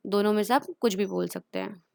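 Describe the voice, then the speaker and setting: A woman with an Indian accent teaching everyday English phrases. She says each phrase twice, very slowly, then explains it quickly. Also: medium pitch, fairly even intonation, gravelly, a little mellow, dry recording, studio quality. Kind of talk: spoken English lesson.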